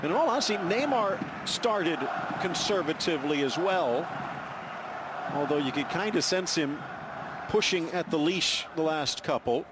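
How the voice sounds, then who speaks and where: A man's voice: a little high, lively intonation, measured pace. A man doing live play-by-play commentary on a football match. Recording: loud stadium noise behind. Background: football stadium crowd.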